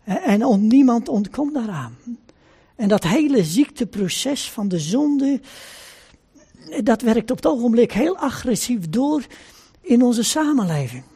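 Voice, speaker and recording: A man preaching a sermon after a scripture reading. He talks slowly and deliberately, repeats phrases for emphasis and drops in short "hè" asides. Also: very high voice, very animated, dark tone, husky.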